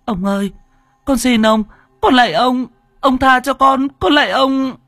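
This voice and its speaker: A man's voice: very high voice, fairly even intonation, measured pace, vocal fry, pushed and bright, no echo, studio quality, pitched above the performer's own voice, exaggerated voice. A man voicing a frightened, starving little peasant girl who stammers and begs through tears. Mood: pleading. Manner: tearful, begging, stammering.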